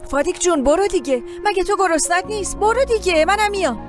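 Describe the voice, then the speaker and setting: A woman dubbing a young mother in a Persian dub of a Turkish drama, who acts calm as if nothing happened. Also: sits high. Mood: composed. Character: young mother hiding her hurt. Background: music.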